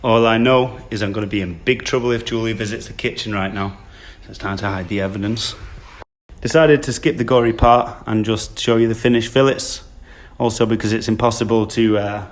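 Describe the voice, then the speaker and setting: A man from the United Kingdom, talking casually and informally to camera as a travel vlogger, with some mild swearing. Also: medium pitch. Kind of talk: casual vlog narration.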